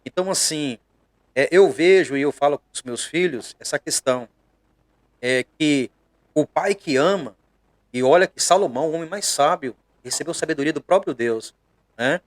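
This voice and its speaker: Brazilian pastor, middle-aged man from Bahia, earnest conversational preacher with a slightly high pitch. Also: lively intonation, moderate pace, no room sound. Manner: earnest and emphatic, with frequent hesitations.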